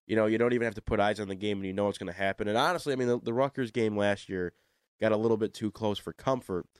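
This is a young American man with a congested, plugged-nose voice, hosting a laid-back sports talk radio show in a chatty, self-deprecating way. His voice sits fairly low and moves fast with fairly even intonation, and the tone is clear and resonant. Captured on a desk studio microphone in a radio studio, the sound is clean studio quality with no room sound.

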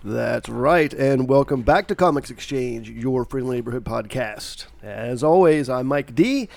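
A man's voice: mid-range voice, expressive, unhurried, gravelly. A man hosting a podcast in casual chat, playfully hyping up his co-hosts. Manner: playful, hypes up co-hosts in the intro. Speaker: podcast host.

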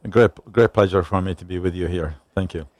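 A man's voice: low-pitched, a little mellow, no echo. An older man from Palestine, a museum founder, speaking in a radio interview with frequent hesitant fillers. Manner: halting, many "uh" fillers.

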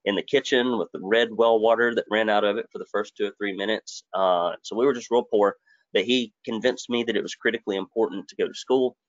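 Man in his thirties, low-voiced and folksy, running a webinar over a dull, dry computer mic. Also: no room sound. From Alabama, US. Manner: folksy, joking, conversational. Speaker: webinar presenter. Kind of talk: live webinar presentation.

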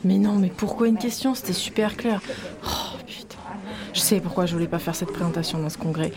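A woman's voice: lowish voice, fast, crowd noise, lightly acted. A woman voicing a cynical, suspicious inner voice who swears and grumbles in a radio fiction. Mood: grumbling. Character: grumpy paranoid inner voice, young woman.

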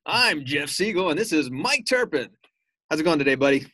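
Fired-up, bright-voiced podcast host man. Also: fairly high pitch, sing-song, fairly quick, no room sound. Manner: heated, profane, rambling with many restarts. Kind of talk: casual political podcast chat.

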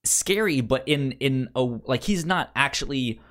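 A man's voice: medium pitch, expressive, unhurried, a bit bright. A man co-hosting a podcast who stammers and restarts his sentences often. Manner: stammering, many restarts and fillers. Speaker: podcast co-host. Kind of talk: casual chat.

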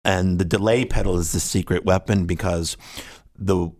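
Man, very deep voice, guest musician, rambling, technical, sounds out rhythms. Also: steady tone, normal speed, darkish tone. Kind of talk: detailed gear explanation.

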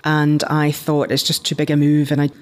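Her voice is deep and her delivery completely flat, at a normal speed. She is a woman from Scotland in her fifties, a business founder chatting about her career as an interview guest.

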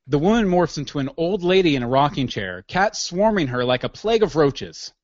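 A man's voice: on the high side, very animated, brisk, no echo, lo-fi sound. A man narrating scene directions in a matter-of-fact way for an audio drama.

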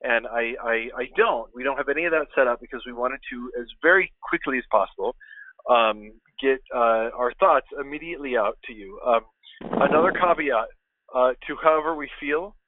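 A man's voice: medium pitch, fairly quick, phone-quality sound. A man co-hosting a podcast in casual chat, hesitant with many fillers and restarts, recorded with fuzzy distortion on a non-professional microphone. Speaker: podcast co-host.

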